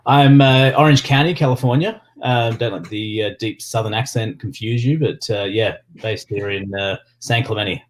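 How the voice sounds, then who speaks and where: A man's voice: fairly low pitch, normal speed, hardly any pauses. An Australian man chatting casually as an interview guest, rambling and leaning on filler phrases. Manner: rambling, peppered with "you know" and "sort of". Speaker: podcast guest, sports business executive.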